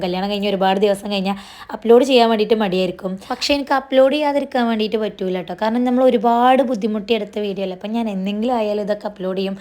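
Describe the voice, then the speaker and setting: Woman vlogger, rapid chatty voice-over, slightly strained voice. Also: mid-range voice, warm tone. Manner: chatty, sprinkles tag particles, talks fast. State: voice strained after losing it. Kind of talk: voice-over narration of a shopping vlog.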